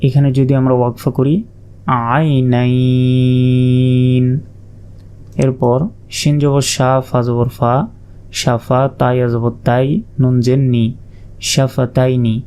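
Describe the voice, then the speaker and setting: A man's voice: mid-range voice, flat delivery, normal speed, warm tone, clear, resonant tone. A man teaching Quran reading, spelling out letters and vowel marks patiently, stretching sounds in his examples. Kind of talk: step-by-step spelling lesson.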